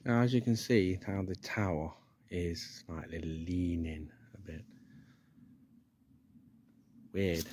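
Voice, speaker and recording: A man's voice: sits low, a little mellow, slight background noise. An English man investigating a haunted church, calling out to spirits and remarking on the building, filmed on a handheld phone. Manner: calls out firmly to spirits, then muses plainly. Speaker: paranormal investigator. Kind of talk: ghost-hunting commentary. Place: outdoors in a churchyard and inside a church porch. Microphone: handheld phone camera.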